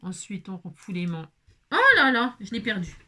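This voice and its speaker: A woman's voice: medium pitch, wildly swooping pitch, normal speed, sharp tone. A woman vlogging casually as she assembles a craft kit, chatting to viewers, exclaiming and muttering to herself when pieces go wrong.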